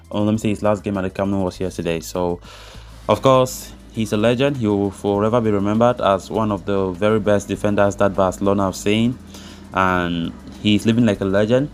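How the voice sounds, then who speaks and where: A man with a somewhat deep voice presents football news. He narrates stories and quotes from a script and adds commentary of his own. Music plays quietly behind him.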